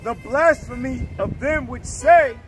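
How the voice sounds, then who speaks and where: A man reading Bible verses aloud for a street preacher, declaiming each verse loudly. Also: very high-pitched, a little slow, faint music behind. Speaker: scripture reader in a preaching group. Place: outdoors on a street.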